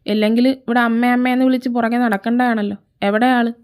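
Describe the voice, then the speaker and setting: A bossy young man who needles his little brother with sarcastic jabs, as a woman reads him in a fan fiction audio story. The voice sits fairly high and the talk stays nagging and mocking. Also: steady tone, fast talker, darkish tone, clear, resonant tone, dry recording, studio quality, natural voice.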